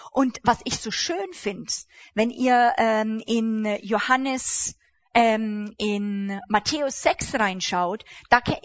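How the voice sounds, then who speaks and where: A woman preaching a sermon with emphatic, animated delivery. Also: on the high side, lo-fi sound. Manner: animated, emphatic, acts out quoted speech.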